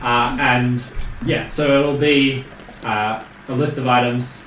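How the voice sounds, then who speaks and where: A man's voice: medium pitch, fairly even intonation, slow pace, fairly bright tone. A man running a tabletop game as game master, talking casually with hesitant fillers. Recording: roomy, distant mic, faint noise.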